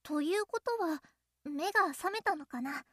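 A very high, girlish voice, acted by a woman, close and dry with no room around it. She is a young childhood friend in an audio drama, coy and clingy. Her playful teasing carries a possessive, softly menacing edge. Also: animated, measured pace, dry recording, heavily acted. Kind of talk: Japanese audio role-play addressed to the listener.

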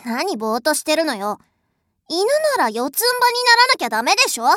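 A woman's voice: high-pitched, sing-song, fast, bright, forceful tone, no echo, studio quality, exaggerated voice. A woman playing a bratty, haughty rich girl. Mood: scornful. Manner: imperious, scornful, mocking. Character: haughty spoiled rich young lady, bossy and cruel. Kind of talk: adult audio drama role-play.

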